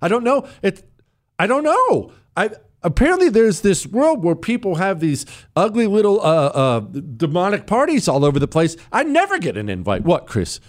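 A middle-aged man delivers a comic radio monologue as the show's host. His voice sits a little high for a man and moves widely in pitch. He is emphatic and mock-exasperated, pausing for drama and repeating phrases to press the point. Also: huge pitch swings. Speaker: radio talk show host.

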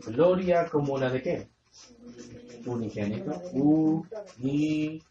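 Preacher, male, slightly high voice, emphatic teacher who repeats key words, recorded in a roomy hall. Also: expressive, a little slow, lo-fi sound, crowd noise. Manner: quizzes listeners with fill-in-the-blank questions. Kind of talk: Bible study sermon. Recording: echoey room sound.

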